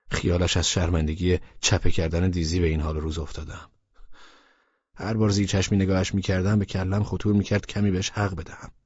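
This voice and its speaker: A man's voice: low voice, darkish tone, breathy edge, no room sound, lo-fi sound. A man narrating a first-person audiobook in a wry, colloquial storytelling manner.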